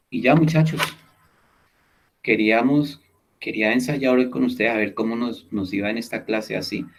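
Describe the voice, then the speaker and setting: Speaking with vocal fry in a fairly low pitch, a man lectures his class over a video call, with slight background noise. His explanations go step by step, he repeats key words, and he often asks "¿listo?" to check on students.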